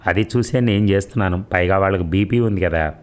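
A gentle, dutiful young daughter-in-law who explains herself patiently and respectfully, voiced by a man reading the story. The voice is very deep. It keeps the even, measured sound of a storybook reading. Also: lightly acted. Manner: patient, respectful, soft-spoken.

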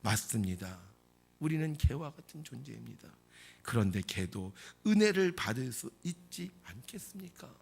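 A man's voice: mid-range voice, very animated, normal speed, gravelly, darkish tone, husky, pitched below the performer's own voice, heavily acted. A man voicing a desperate mother who cries out and begs for her sick daughter. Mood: humble. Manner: pleading, crying out.

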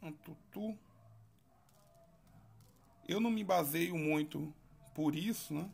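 Gravelly man reviewing a phone. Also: on the high side, darkish tone. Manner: chatty and halting, fills with "tá?" and "né?". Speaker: tech reviewer. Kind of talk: casual smartphone review vlog.

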